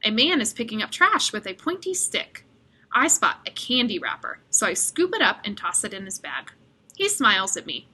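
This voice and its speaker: With a slightly rough, mid-range voice and a moderate pace, a woman reads a children's picture book aloud in an expressive storytelling style.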